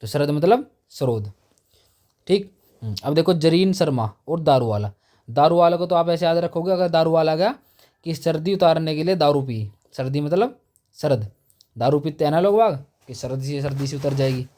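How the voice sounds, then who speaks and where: A man walks students through quiz memory tricks. He talks in a somewhat high voice and makes each name stick with playful rhymes. He breaks into little acted-out quotes as he goes. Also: animated, moderate pace, mellow. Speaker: teacher. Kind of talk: exam mnemonic lesson.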